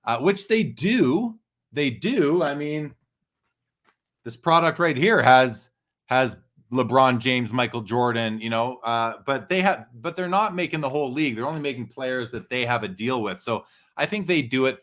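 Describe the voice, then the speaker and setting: A man's voice: medium pitch, lively intonation, moderate pace, fairly bright tone. A man casually discussing and explaining his views as a talkative, opinionated show commentator.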